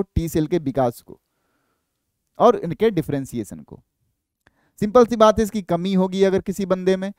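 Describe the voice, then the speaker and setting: Young male biology tutor, high pitch, dry studio mic, fires off rhetorical questions. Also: mellow, smooth, no echo. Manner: explains with rhetorical questions and quick self-answers. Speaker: biology teacher. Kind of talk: exam-prep lecture.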